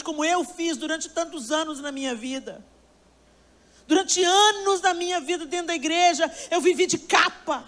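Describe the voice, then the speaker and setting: A woman's voice: sits high, a bit bright. A woman preacher delivering a sermon, telling a story with emphasis and speaking straight to her listeners.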